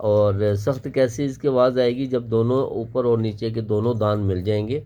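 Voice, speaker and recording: A man's voice: medium pitch, fairly even intonation, mellow. A man teaching Quran letter pronunciation, explaining each sound and then drilling it syllable by syllable. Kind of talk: slow step-by-step recitation lesson.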